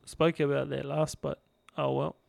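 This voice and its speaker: A man's voice: fairly high pitch, little pitch movement, normal speed, gravelly, darkish tone, no echo. A man with a broad New Zealand accent in casual podcast chat, laid-back and colloquial as he hosts. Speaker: podcast host.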